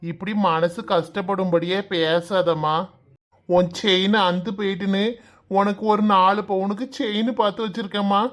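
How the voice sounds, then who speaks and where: A woman voicing a gentle grown son in a Tamil cartoon who pleads with his mother and keeps the peace, with a Kanyakumari Tamil accent. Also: mid-range voice, steady tone, normal speed, natural voice. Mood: soothing. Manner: soothing and pleading. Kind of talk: cartoon voice acting.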